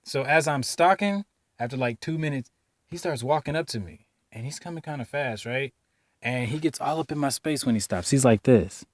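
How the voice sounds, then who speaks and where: A man casually telling a story from his store job, slangy and animated, jumping up and down in pitch and loudness for emphasis. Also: moderate pace, no echo, studio quality. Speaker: vlogger telling a work story.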